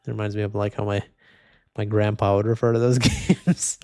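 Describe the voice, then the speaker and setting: With soft game music and keyboard taps in the background, a young streamer reads chat and chats casually as he plays. The recording is dry, and he speaks at normal speed in a flat, low-energy, slightly congested voice that he describes as boring.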